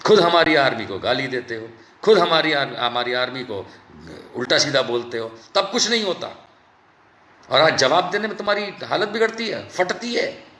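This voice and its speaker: A man's voice: medium pitch, lively intonation, moderate pace, pushed and bright, reverberant. A man giving an angry political rant, mocking and scolding in a sarcastic way. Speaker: political commentator.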